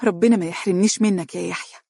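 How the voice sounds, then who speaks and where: A gentle, sorrowful young woman with an Egyptian accent speaks softly and plaintively, as a woman reading a storybook gives her voice. The tone is slightly raised and husky, and the recording is dry. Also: fairly low pitch, fairly even intonation, racing, no room sound. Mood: sad, hopeful. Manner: soft, plaintive.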